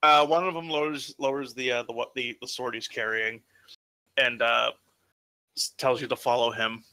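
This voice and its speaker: A man narrating an improvised tabletop game as game master, informal and halting, sometimes swearing. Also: medium pitch, fairly even intonation, bright, forceful tone, smooth, poor audio.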